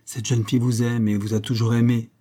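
A man reading as an effusive tipsy young gentleman. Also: mid-range voice, level tone, brisk, lightly acted. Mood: pleading.

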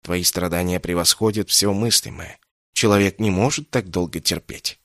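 A man's voice: sits low, normal speed, fairly bright tone, no echo, clean studio sound. A man voicing a haughty scheming mage. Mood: persuasive. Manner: imperious, coaxing, then clipped and cold. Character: haughty scheming male mage, cold and manipulative. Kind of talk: audiobook character reading.

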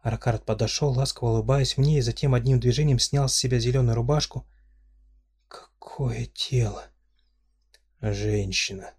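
Male audiobook narrator, husky, mid-pitched, steady storytelling. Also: quick pace, hardly any pauses. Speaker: audiobook reader. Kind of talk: scripted first-person narration.

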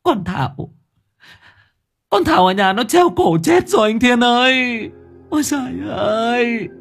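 A sobbing young village wife, as a male storyteller puts her on, wailing in a voice pushed far up high. Her cries ring out with a quiet music bed under the storybook reading. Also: expressive, unhurried, creaky, slightly rough, heavily acted. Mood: wailing grief.

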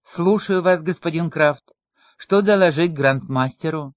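A woman reads a formal male servant on a communicator line who speaks in a steady, level voice. His tone sits a little high, and the sound is close and dry. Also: unhurried, dry recording, lightly acted. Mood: flat. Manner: even, formal. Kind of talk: audiobook reading.

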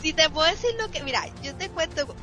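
A woman in her thirties from Puerto Rico with a Puerto Rican Spanish accent, a streamer telling her life story as an interview guest, lively and mixing in English words. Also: high-pitched, quick pace. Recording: dull lo-fi sound with faint music.

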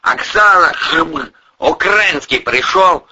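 A man voicing a bullying middle-aged male oligarch who barks insults and shouts, on an audiobook. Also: fairly high pitch, expressive, slow, slightly rough, dull audio, pitched above the performer's own voice, heavily acted. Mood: scornful. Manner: barking, scornful, shouting insults.

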